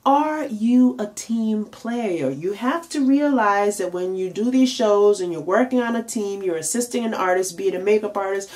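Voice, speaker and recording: Speaking at a moderate pace with hardly any pauses, a woman with a mid-range, darkish voice shares career advice to camera in a relaxed vlog. She's a makeup and nail artist who sounds tired and congested, chatting away with lots of fillers and pointed rhetorical questions.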